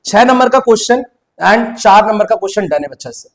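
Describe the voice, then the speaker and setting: A man's voice: high-pitched, lively intonation, brisk. A man giving an exam-prep accountancy lecture, mixing English terms into his Hindi and calling his students "bachcha". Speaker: accountancy teacher.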